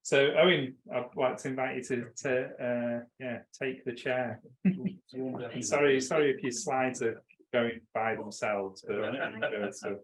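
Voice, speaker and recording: A man's voice: medium pitch, fairly even intonation, measured pace, low-quality recording. A man hosting an event, introducing speakers informally in a casual, hesitant way. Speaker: event host.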